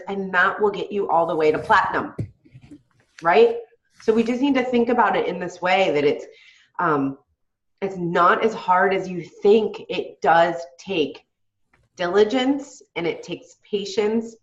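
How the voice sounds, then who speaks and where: On a group call, a congested woman with a head cold leads her team, coaching them in a chatty way. Her voice sits lowish, the room echoes, and the high frequencies are cut off. She often asks "right?" and laughs between points.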